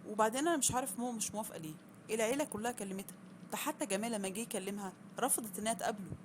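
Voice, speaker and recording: A woman's voice: on the high side, very fast, natural voice. A woman voicing a young adult son who talks in a concerned, urgent way. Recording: noisy background.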